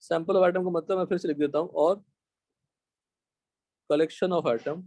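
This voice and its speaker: A high-pitched young Indian man teaching chemistry in class. His voice is mellow and dry, without room echo. He explains step by step and often stops to check whether the students have understood. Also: steady tone. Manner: dictates slowly in English. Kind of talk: live classroom lecture.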